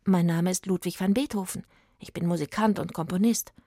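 A woman's voice: fairly low pitch, fairly even intonation, fairly quick, dark tone, dry recording, studio quality. A woman voicing a kind, brave young male composer in a read-aloud story. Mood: calm.

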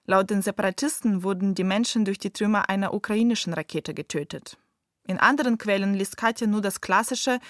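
A woman narrating a documentary she wrote, measured and reflective. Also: mid-range voice, dry recording, clean studio sound.

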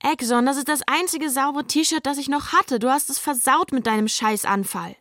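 A woman voicing an angry, sharp-tongued teenage girl who scolds and curses her younger brother. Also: a little high, normal speed, dry recording, clean studio sound. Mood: scolding. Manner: scolding, cursing, heated.

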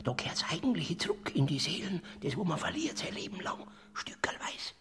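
An actor playing a sly, whispering male death figure with a Bavarian accent and a husky, breathy voice, in a radio play. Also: sits high, big pitch swings, moderate pace, music in the background. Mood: hushed. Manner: hushed whispering, sudden loud outbursts.

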